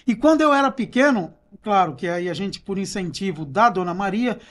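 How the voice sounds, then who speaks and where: A man's voice: high voice, animated, a little fast. A man from Brazil hosting a church podcast, chatting in a rambling way with many fillers and restarts. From Cubatão, Brazil. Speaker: podcast host. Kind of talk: casual church podcast chat.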